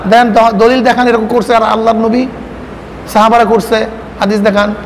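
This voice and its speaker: A man's voice: high voice, little pitch movement, normal speed. A man, preaching an Islamic sermon and scolding with rhetorical questions. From Bangladesh. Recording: reverberant hall with faint noise.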